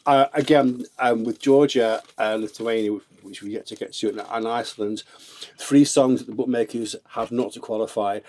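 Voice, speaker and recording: A man's voice: medium pitch, steady tone, moderate pace, a little mellow. A man co-hosting a casual chat show, cheeky and opinionated, often laughing at his own quips. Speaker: podcast co-host.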